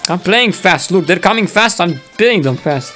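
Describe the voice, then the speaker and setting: A man's voice: high-pitched, lively intonation, normal speed, bright, forceful tone, soft background music. A man giving casual commentary over gameplay, bantering and laughing often. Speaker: gaming commentator.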